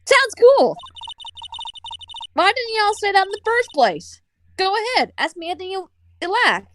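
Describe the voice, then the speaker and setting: Woman putting on a feisty Southern country photographer, Southern drawl, folksy, high and lively voice. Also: normal speed, a little hiss or hum, full character voice. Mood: brash. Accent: American Southern.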